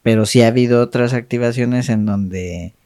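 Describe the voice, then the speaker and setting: A man's voice: medium pitch, moderate pace, warm tone, no room sound, studio quality. A man co-hosting a podcast, chatting reflectively in a meandering way that often seeks agreement. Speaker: podcast co-host. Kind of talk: casual, reflective chat.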